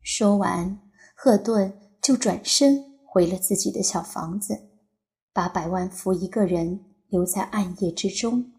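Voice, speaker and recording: A woman reads a novel aloud as an audiobook narrator. Her delivery is calm and even, and she takes a slow, deliberate pace. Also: mid-range voice.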